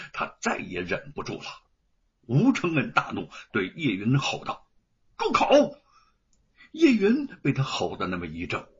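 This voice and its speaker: A man telling a dramatic story in an expressive narrating voice, on a dull lo-fi recording. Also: on the low side, breathy edge.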